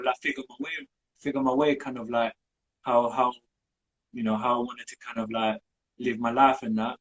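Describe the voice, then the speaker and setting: A man's voice: mid-range voice, rough recording. A young man from Colombia, talking in a casual interview with many fillers and restarts. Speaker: community group founder.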